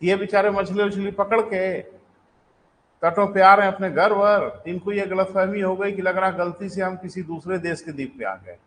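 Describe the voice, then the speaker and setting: A man teaching a live online class, explaining in a conversational way, calling his students "beta" and repeating key sentences slowly for them to write down. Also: sits high, steady tone, a bit bright, rough recording.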